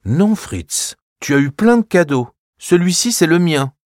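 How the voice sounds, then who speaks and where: A man voicing an eager, quick-tempered young girl in a storybook reading, switching to a bright, excitable voice. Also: no echo, studio quality. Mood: pleading. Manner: bright, excitable, shrill when angry.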